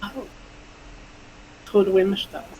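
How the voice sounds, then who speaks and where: A player in a tabletop game, chatting casually in a hesitant, halting way. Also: mid-range voice, warm tone, highs cut off, slight background noise.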